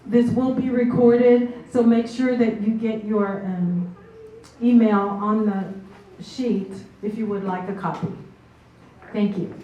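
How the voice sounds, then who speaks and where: A woman's voice: mid-range voice, fairly even intonation, slow pace, dark tone, highs cut off. A woman moderating a seminar, chatty, with many fillers and restarts, recorded from far off in a meeting room. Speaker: event moderator. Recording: very echoey room from far off, faint noise.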